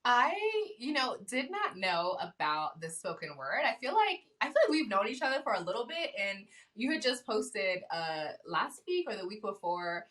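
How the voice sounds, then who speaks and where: A woman's voice: medium pitch, very animated, moderate pace, few pauses, a bit bright, recorded from a distance. A woman co-hosting a podcast, asking friendly, layered questions. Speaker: podcast co-host. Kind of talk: conversational interview.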